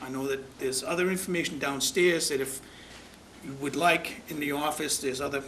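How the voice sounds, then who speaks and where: On a noisy public-access meeting recording, a man presiding over a town commission speaks at a moderate pace in a steady, somewhat high voice. He delivers his remarks in a rambling, folksy, plain-spoken manner.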